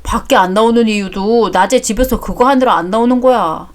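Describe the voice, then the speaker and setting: A woman's voice: fairly high pitch, a little fast, natural voice. Woman doing a crude gossiping fruit seller. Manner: crude, boastful storytelling. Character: boastful middle-aged male fruit seller, crude gossip.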